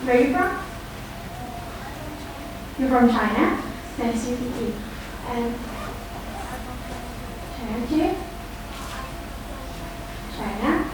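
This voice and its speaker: A young woman from Thailand hosts a cultural class in a friendly, hesitant way, full of fillers. Her voice sits fairly high. It is picked up from afar in a very echoey lecture room with faint hiss. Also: expressive, slow, pauses often, distant mic. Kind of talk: classroom hosting, casual.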